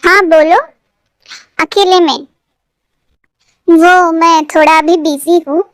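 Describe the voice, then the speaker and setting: A woman's voice: very high voice, fairly even intonation, takes it slowly, dry recording, studio quality. A woman voicing a proud, brusque young man in a fan fiction story read aloud, speaking curtly.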